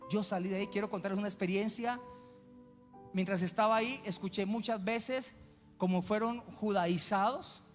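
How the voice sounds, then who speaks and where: A high-voiced male pastor preaches and tells stories theatrically. The church hall gives his voice a long echo, with faint music behind him. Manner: dramatic storytelling. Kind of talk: sermon.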